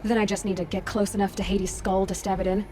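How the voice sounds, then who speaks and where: An actress playing a determined, earnest young heroine in a video game, speaking with urgency. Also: female voice, medium pitch, flat delivery, fast talker, over music, close to an everyday voice. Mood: wary, questioning. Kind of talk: dramatic video game dialogue.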